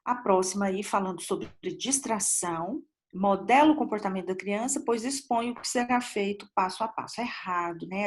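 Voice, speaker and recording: Chatty woman lecturing an online class. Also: on the high side. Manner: conversational, with many fillers and restarts. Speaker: dentistry lecturer. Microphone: computer mic on a video call.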